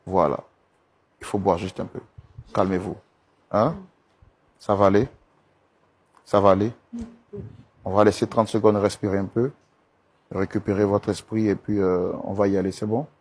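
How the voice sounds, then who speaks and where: A man hosting and mediating a couple's dispute, coaxing and calming them with polite, repeated requests. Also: lowish voice, normal speed, pauses often, slightly rough. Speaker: host and mediator. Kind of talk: talk show mediation.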